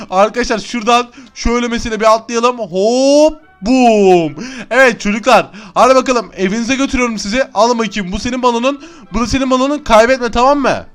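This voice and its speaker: Young male let's-play host, high and fast, excitable yeller. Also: soft background music. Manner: excitable, chatty, often yells and laughs. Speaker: gaming YouTuber. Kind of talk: Minecraft let's-play commentary.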